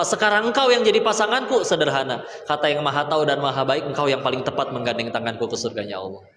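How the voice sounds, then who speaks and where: A man preaching a lively sermon, acting out dialogues in playful voices. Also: on the high side, slight background noise. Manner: animated, acts out dialogues in playful voices, mixes in Sundanese. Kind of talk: lively sermon to a live audience. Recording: echoey hall with faint ambience.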